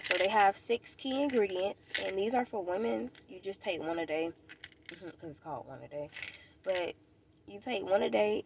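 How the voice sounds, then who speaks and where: An American woman vlogger with a stuffy nose chats casually to the camera outdoors at a park, rambling and repeating herself. Her voice is medium-pitched with vocal fry, and there's slight background noise.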